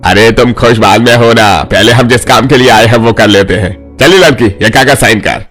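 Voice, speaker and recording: A man's voice: medium pitch, normal speed, a bit bright, husky. A greedy, threatening cartoon father who barks his demands. His mid-range voice is harsh and cold, with faint music underneath. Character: greedy abusive middle-aged father. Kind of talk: animated family drama.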